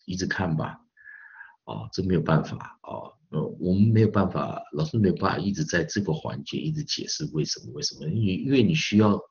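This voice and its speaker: A man in his forties gives a recorded English lesson in a very low, deep voice. He talks chattily, repeating phrases and stretching out words as he spells and sounds them out. The audio is slightly dull and lo-fi. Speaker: English teacher.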